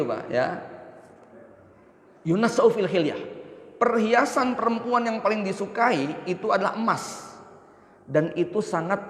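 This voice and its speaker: A man delivers a lighthearted sermon in a mosque, playfully voicing quarrels between a husband and wife. His voice sits a little high for a man. A long, roomy echo from the mosque hall surrounds every word. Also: fairly bright tone. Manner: humorous, acts out husband and wife exchanges. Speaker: preacher. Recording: echoey reverberant mosque hall.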